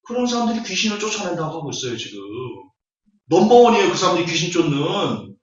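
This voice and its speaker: A man's voice: sits high, very animated, fast talker. A man preaching a Bible lecture, scornful and full of rhetorical questions. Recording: echoey hall, distant, dull audio.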